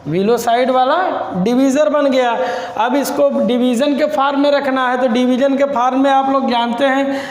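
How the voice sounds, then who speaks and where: A man's voice: extremely high pitch, steady tone, normal speed. A young man teaching a maths lesson, explaining step by step and repeating key terms back as questions to his students. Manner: calls students "beta". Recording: echoey room with faint background noise.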